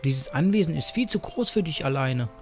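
A man's voice: on the high side, expressive, brisk, faint music behind, pitched above the performer's own voice. A man voicing a stubborn, eager young girl heroine in a game, reading her lines in a pleading, insistent way. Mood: upbeat.

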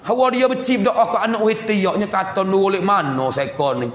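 A man with a Patani Malay accent teaching a religious text in a mosque, lively and joking as he acts out scenes of home life. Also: high voice, brisk, a little hiss or hum. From southern Thailand. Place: mosque hall. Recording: echoey hall with long reverb.

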